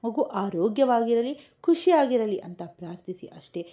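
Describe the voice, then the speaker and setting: A woman voicing a kind hospital doctor who jokes gently, speaking calmly and reassuringly. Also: fairly high pitch, normal speed, highs cut off, close to an everyday voice. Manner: calm, reassuring.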